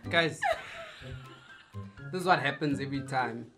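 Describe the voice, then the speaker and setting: A man co-hosting a casual couple challenge vlog, playful and teasing, often bursting into loud laughter. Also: mid-range voice, a little slow, music in the background. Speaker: vlogger co-host.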